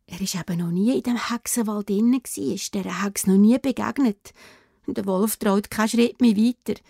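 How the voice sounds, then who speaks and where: A woman with a Swiss German accent narrating a children's fairy tale, often in a playful hush. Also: mid-range voice, vocal fry, no room sound, studio quality. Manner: often whispered, hushed and playful. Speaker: storyteller.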